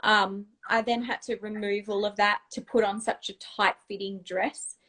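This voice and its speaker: A woman's voice: mid-range voice, flat delivery, normal speed. A woman hosting a casual livestream chat, telling backstage stories with lots of laughter. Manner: warm chatty storytelling with laughter. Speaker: host.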